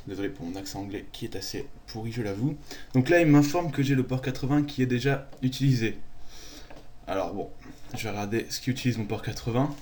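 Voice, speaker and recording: A man narrating a screen-recorded software tutorial, calmly walking through each click step by step. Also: mid-range voice, a little hiss or hum. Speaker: tutorial maker.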